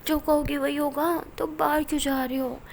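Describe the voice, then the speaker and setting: A woman's voice: high voice, level tone, normal speed, gravelly, a little hiss or hum. A woman voicing an exasperated, guarded older woman in a love story, scolding and placating by turns.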